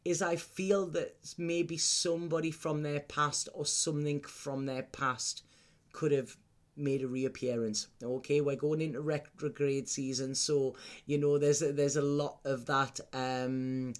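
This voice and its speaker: Male tarot reader, fairly high-pitched voice, for a mystical horoscope reading; reassuring, conversational, checks in with the listener often. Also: flat delivery, measured pace. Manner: reassuring advice with repeated "okay?" checks.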